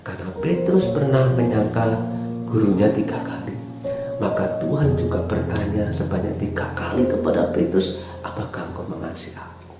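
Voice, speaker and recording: A woman's voice: extremely low pitch, normal speed. A woman Sunday school teacher with an Indonesian accent, telling a children's Bible story and asking the children questions along the way. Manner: animated, asks the children questions. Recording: very echoey room with music.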